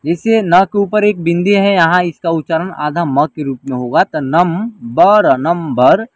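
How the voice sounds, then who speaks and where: A man teaching children to read, calling out words one at a time slowly and deliberately, then explaining the spelling. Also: fairly high pitch, fairly even intonation, no echo. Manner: slow, deliberate word-by-word reading. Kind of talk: reading lesson, word drills.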